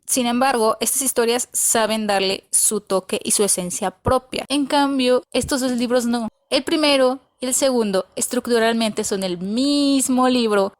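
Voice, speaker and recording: A woman giving a casual, opinionated book review, blunt and emphatic, with dry sarcastic asides. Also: on the high side.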